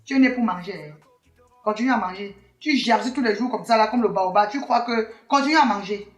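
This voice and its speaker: A woman, playing a weary, sharp-tongued mother who scolds her daughter. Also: mid-range voice, fairly quick, lightly acted. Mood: annoyed. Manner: scolding, sarcastic. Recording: roomy, distant mic, faint music.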